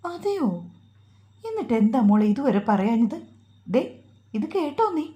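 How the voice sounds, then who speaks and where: A woman's voice: big pitch swings, moderate pace, mellow, slightly rough. A woman voicing a loving, fussy middle-aged mother-in-law who sounds emotional and doting. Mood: eager. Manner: emotional, doting, high and urgent.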